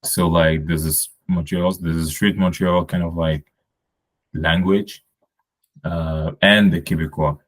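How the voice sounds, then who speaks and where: A man's voice: low voice, fairly even intonation, slow. A man from Cameroon, a podcast guest, talking casually and rambling with many fillers and restarts. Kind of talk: casual conversation.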